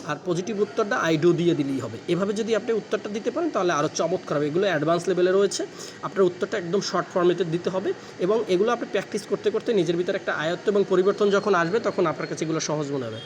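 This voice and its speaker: A man leads a spoken English lesson at a quick clip, his voice pitched a little high. He repeats the drill sentences patiently for his students. A faint hiss sits under the recording. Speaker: English teacher. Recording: faint background noise.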